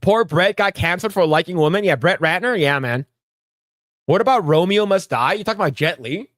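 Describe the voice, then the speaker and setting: Animated, swearing man on a stream. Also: sits high, brisk, no echo, studio quality. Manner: animated, profane, riffing on movies and answering chat. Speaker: livestream host. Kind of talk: casual solo stream chat.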